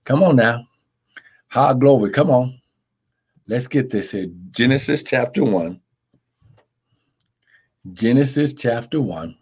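A man's voice: mid-range voice, expressive, slow pace, pauses often, a little mellow, husky. A man preaching an impassioned live-streamed Bible sermon, exhorting emphatically with repeated phrases and drawing out scripture for weight.

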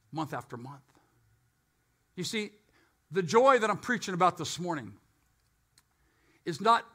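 A man preaches a live sermon in church, his voice sitting high and sounding bright and forceful. He swings from loud, emphatic lines to quiet, low stretches. He drops joking asides along the way. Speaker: pastor.

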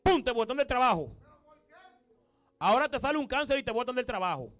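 A man's voice: very high voice, very animated, fairly quick, fairly bright tone. A male preacher gives an emphatic, repetitive sermon full of punchy exclamations.

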